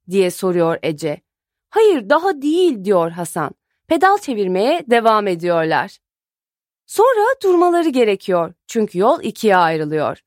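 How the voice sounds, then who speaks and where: Brief: high, very animated woman narrator, sing-song children's story reading, dry close mic. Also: dry recording. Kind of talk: children's story read aloud.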